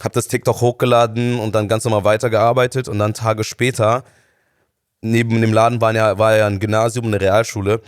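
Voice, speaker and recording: A man's voice: lowish voice, fairly quick, smooth, no echo. A man in his thirties, a studio guest, telling his story casually with slang and acting out the people he quotes. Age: 30s. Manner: slangy, animated, acts out quoted dialogue.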